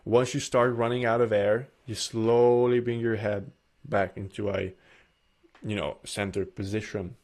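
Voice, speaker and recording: A man's voice: fairly low pitch, level tone, measured pace, a little mellow. Earnest man giving a self-help talk. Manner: earnest, repeats and restarts phrases. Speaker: presenter.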